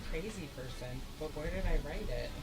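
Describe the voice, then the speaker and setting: A woman's voice: sits low, animated, normal speed, rough recording. A woman chatting casually as a player in a tabletop role-playing game. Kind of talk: casual chat. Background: loud music.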